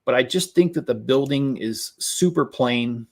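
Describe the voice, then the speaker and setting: A man's voice: mid-range voice, measured pace. A man hosting a Lego vlog, chatting casually and a little sarcastically while he builds and weighs up new sets. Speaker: Lego channel host.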